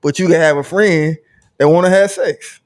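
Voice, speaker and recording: A man's voice: on the high side, normal speed. Wisecracking male podcast co-host. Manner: joking, wisecracking interjections. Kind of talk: casual chat.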